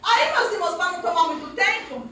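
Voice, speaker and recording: A woman preaches her testimony, her voice pitched very high. She tells her story with animated energy and frequent laughter. The recording is distant and booming in a heavily echoing hall, with clear background noise. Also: fast talker. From Minas Gerais, Brazil. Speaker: missionary. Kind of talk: testimony sermon to a congregation. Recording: very echoey hall, distant mic, noisy.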